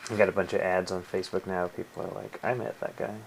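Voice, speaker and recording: A man with a low voice and plenty of vocal fry hosts a casual live stream. He talks informally, with faint noise on the recording. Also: little pitch movement, quick pace, poor audio. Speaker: freelance illustrator hosting a live stream. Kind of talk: casual chat.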